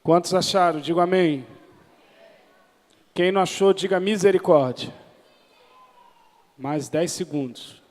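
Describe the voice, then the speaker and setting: Man, pastor, sermon, congregation call-and-response, high voice, long church reverb. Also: a little mellow. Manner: calls for congregation responses, reads scripture slowly.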